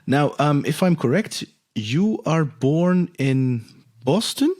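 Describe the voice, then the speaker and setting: A man from Europe hosting a podcast interview in a casual, halting way with frequent restarts. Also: a little high, expressive, a little mellow. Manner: halting, restarts and hesitant phrasing. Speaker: podcast host.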